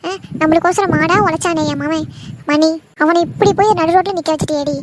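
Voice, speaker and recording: A woman voicing an angry, scolding middle-aged mother in a cartoon drama, shrill and bitter. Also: a little fast, noisy background. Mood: furious. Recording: background music under voice.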